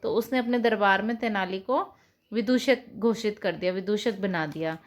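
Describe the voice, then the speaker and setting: A woman's voice: medium pitch, moderate pace. A woman, teaching children by retelling a story and explaining it in simple words.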